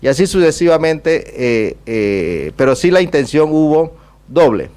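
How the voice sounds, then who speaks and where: A man's voice: a little high, very animated, unhurried, a little mellow. Panamanian man with Caribbean Spanish accent, discursive speaker. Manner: discursive, rhetorical questions, emphatic repetition. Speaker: ambassador giving a talk. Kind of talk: public talk with question and answer.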